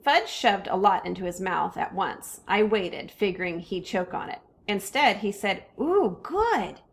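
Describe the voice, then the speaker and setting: A woman reading a children's chapter book aloud with expressive character voices. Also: medium pitch, moderate pace, gravelly. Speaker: reader.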